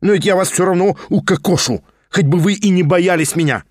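A man voicing a fast-talking, scheming young nobleman who chatters and insists without pause. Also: on the high side, lively intonation, no room sound, clean studio sound. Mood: furious.

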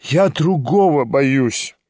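A man reading an audiobook, voicing a frightened, tearful aging gentleman who pleads in a hushed, anxious way and drops in French phrases. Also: medium pitch, lively intonation, slow, no room sound, clean studio sound. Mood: despairing.

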